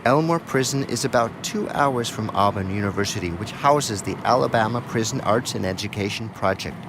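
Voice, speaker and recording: An American man, a radio documentary author, reads his own scripted first-person narration in a lowish voice at a fairly quick clip. Outdoor sounds and car noise are clearly audible behind him.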